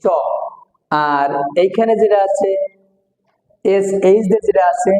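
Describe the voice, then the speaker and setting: A pronunciation teacher giving a classroom lecture, slowly repeating each sound and word several times for the students. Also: medium pitch, warm tone, echoey room, long reverb tail, low-quality recording.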